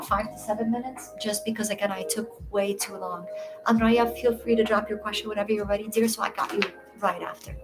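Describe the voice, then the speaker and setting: Egyptian-born woman reading tarot over music. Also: a little high. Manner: warm, reassuring, addresses viewers as dear. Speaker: tarot reader. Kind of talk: casual livestream chat.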